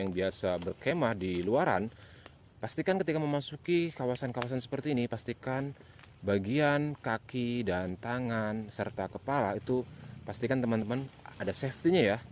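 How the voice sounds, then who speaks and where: A man's voice: mid-range voice, fairly quick, darkish tone. A man narrating a casual exploration vlog as he walks, with uneasy, pious asides. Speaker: host of a night exploration vlog. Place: outdoors in an overgrown plantation at night. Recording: clearly noisy outdoor night recording. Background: night animal and nature sounds.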